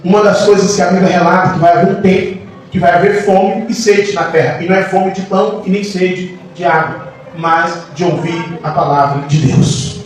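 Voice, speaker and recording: High-voiced pastor preaching in an echoey hall. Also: male voice, fairly even intonation, normal speed. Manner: impassioned preaching, swings between soft and shouting. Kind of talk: sermon. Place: church hall. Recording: echoey church hall, mic far off, faint noise.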